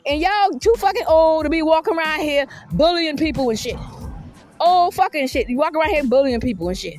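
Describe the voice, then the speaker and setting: A high-pitched woman in her fifties delivers a defiant, confrontational monologue. She is blunt and profane, with faint music in the background. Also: animated, a little fast, darkish tone. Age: 50s. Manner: frequent "you know what I mean" asides.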